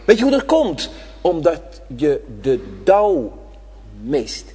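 A man preaching a sermon to his congregation, swinging between loud emphatic lines and hushed ones. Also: fairly high pitch, wildly swooping pitch, slow pace, husky. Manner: addresses the congregation directly. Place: church. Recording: reverberant church hall.

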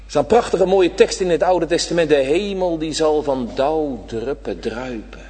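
A man preaching a sermon to his congregation, swinging between loud emphatic lines and hushed ones. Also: a little high, moderate pace, slightly rough. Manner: addresses the congregation directly. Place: church. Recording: reverberant church hall.

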